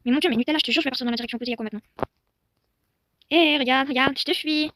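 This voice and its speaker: A woman's voice: high voice, racing, a little hiss or hum. A young woman commenting on a horse-riding game while coaxing and calling her horse. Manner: soothing horse-talk, swinging to panicked shouting. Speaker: Roblox horse-riding roleplay streamer. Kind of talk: casual gameplay commentary talking to her virtual horse.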